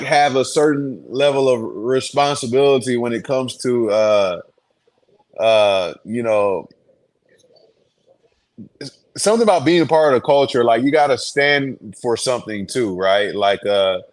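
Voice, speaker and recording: A man co-hosts a casual sports podcast, his medium-pitched voice animated and unhurried, with long pauses between thoughts. He rambles, restarts often, and gets more worked up as he goes.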